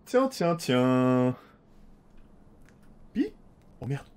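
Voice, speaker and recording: Loud swearing French gamer man. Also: medium pitch, sing-song, very slow. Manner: loud, swearing, laughing a lot. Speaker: role-play gamer. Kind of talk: casual game role-play chat. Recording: noisy stream with crowd of voices.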